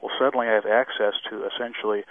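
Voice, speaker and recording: A man's voice: fairly low pitch, fairly even intonation, fast talker, dry recording. A man giving expert commentary as a radio interview guest, explaining formally with examples over a narrow phone-like line. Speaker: airline safety expert guest. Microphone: remote line into radio show.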